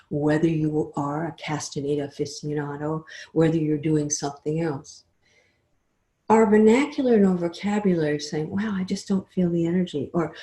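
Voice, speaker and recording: An older woman giving a webinar talk, telling stories expressively and often trailing off into a soft, quiet voice. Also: fairly low pitch. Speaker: webinar speaker. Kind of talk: storytelling talk. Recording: roomy echo.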